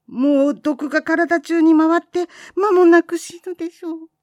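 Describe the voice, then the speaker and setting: A woman's voice: very high-pitched, steady tone, measured pace, a little mellow, no room sound, studio quality, pitched above the performer's own voice. A woman doing a sly little temple boy, faintly pleading. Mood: feeble pleading.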